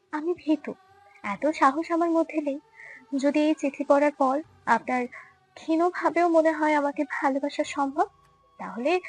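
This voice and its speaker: A woman voicing a shy, lovestruck young woman student, speaking softly, hesitantly and earnestly. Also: high-pitched, pitched above the performer's own voice, low-quality recording. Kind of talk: audiobook story reading.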